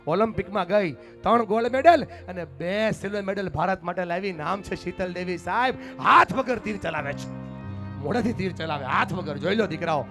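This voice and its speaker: High-voiced dramatic motivational speaker. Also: male voice, fairly quick, few pauses, faint music behind. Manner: dramatic, swings from hushed to loud, addresses parents and pupils directly. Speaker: motivational speaker at a school event. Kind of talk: motivational speech with acted-out stories.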